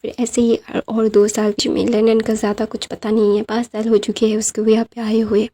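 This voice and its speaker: Gravelly woman storyteller. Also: on the high side, flat delivery, moderate pace, dark tone. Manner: rambling retelling with fillers and English words. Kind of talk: casual story narration.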